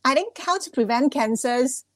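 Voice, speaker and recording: A woman's voice: high-pitched, animated, moderate pace, a bit bright, no room sound, studio quality. A woman explaining things as an expert guest in a live interview, using examples and mixing in English terms. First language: not Cantonese; speaks it casually only. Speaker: expert guest, cancer researcher.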